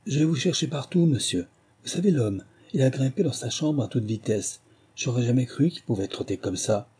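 A man voicing a flustered young hotel waitress who chatters in a hurried, excited rush. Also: mid-range voice, husky, pitched above the performer's own voice. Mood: breathless.

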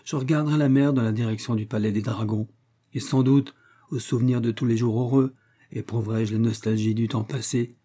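A man's voice: medium pitch, steady tone, fairly quick, mellow, lightly acted. A man voicing a grieving, grateful male shark-man sea creature in a storybook reading, with earnest, dignified speech. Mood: wistful.

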